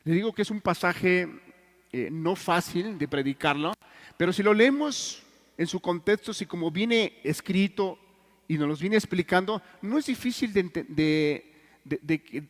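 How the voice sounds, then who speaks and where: A man preaching a sermon in Mexican Spanish, telling stories earnestly and swinging between loud and hushed. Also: high-pitched, lively intonation, unhurried. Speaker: pastor. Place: church hall. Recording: long church reverb.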